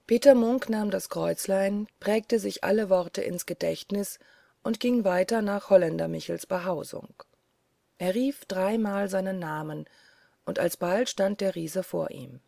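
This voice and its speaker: A woman narrating a fairy tale audiobook in a measured, deliberate way. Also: medium pitch, gravelly, warm tone, no room sound, studio quality. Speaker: audiobook reader. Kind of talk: storybook narration.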